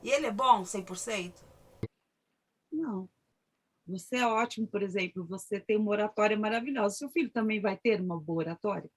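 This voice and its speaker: A middle-aged woman with a Brazilian accent, a horse breeder chatting and telling stories in a lively way, often laughing. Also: mid-range voice, fairly quick. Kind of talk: casual conversation.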